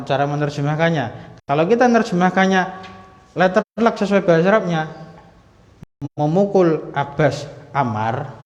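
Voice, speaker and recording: A man's voice: a little high, a little mellow. Man teaching in an echoey mosque. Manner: explains step by step, asks the class questions. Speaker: Arabic teacher. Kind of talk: mosque class lesson. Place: mosque hall. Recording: echoey hall, dull lo-fi sound.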